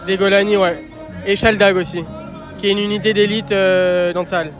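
A man in his twenties, a volunteer, answering a street interview at a barbecue in a relaxed, casual way. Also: high-pitched, a little fast, music in the background. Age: 20s. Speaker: volunteer organizer. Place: outdoors at an evening barbecue.

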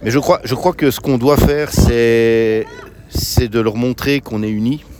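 A middle-aged man from Belgium, a volunteer answering a street interview at an evening barbecue, speaking haltingly with many restarts. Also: mid-range voice, background noise.

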